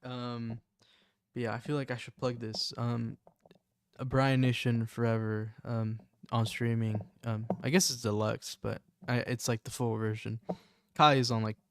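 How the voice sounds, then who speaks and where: A man's voice: medium pitch, flat delivery, unhurried, clear, resonant tone, dry recording. A man hosting a live stream, chatting casually and rambling with lots of "like" and "um". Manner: rambling, lots of likes and ums. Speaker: livestream host.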